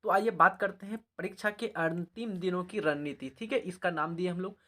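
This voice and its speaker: A man giving exam advice to students as a teacher, often pausing to check in and calling them children. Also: high voice, bright, forceful tone. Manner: repetitive, often checks in with "all right" and calls the students "children".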